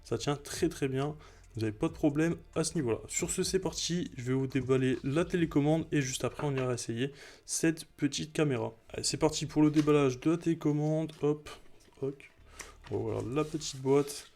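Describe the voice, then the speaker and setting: A man's voice: fairly high pitch, moderate pace, a little mellow. A man presenting a product review vlog in a chatty way, with frequent fillers. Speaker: tech reviewer.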